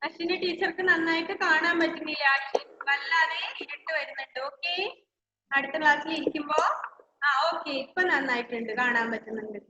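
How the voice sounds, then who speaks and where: A woman's voice: sits high, brisk, pushed and bright, a little hiss or hum. A woman with a Malayali English accent, teaching young children in an online class and coaxing them with repeated questions. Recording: echoey, slightly dull video-call audio.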